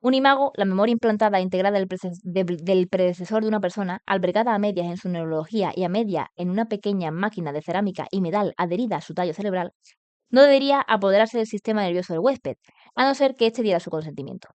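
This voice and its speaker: A woman's voice: medium pitch, fast talker, no room sound. A woman with a Spain Spanish accent hosting a book club stream. She reads a novel aloud, fixes her own slips and drops into slangy asides. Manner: slangy and laughing in asides, steady when reading, corrects her own slips. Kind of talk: reading a novel aloud on a livestream, with casual asides. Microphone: streaming mic.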